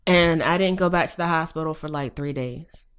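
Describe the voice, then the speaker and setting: Low-voiced woman telling a frank, emphatic story. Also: normal speed, fairly bright tone, clean tone. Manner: emphatic, frank and profane, building to impassioned rhetorical questions. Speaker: professor guest. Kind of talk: candid personal storytelling in a podcast interview.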